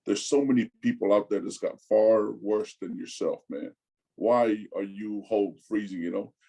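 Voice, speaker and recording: A man's voice: on the low side, mellow, breathy edge, poor audio. A man in his forties from Tonga, talking casually as an interview guest, often stopping to repeat words and tacking "man" onto his sentences. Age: 40s. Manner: halting, repeats words, says "man" a lot.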